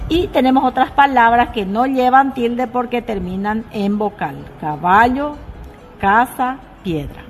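A woman teaching a lesson, measured and repeating key points, dropping her voice on examples. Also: a little high, faint music behind. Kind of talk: slow classroom explanation.

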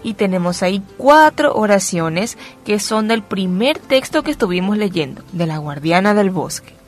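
A woman teacher explaining a grammar lesson slowly and emphatically. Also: medium pitch, expressive, faint music behind. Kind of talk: recorded classroom lesson.

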